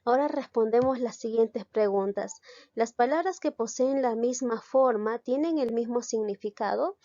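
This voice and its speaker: A woman's voice: a little high, moderate pace, warm tone, dry recording. A woman teacher giving a recorded class, explaining step by step and asking and answering her own questions. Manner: checks understanding with a short tag question. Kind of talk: recorded online class lesson. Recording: dull lo-fi dry recording.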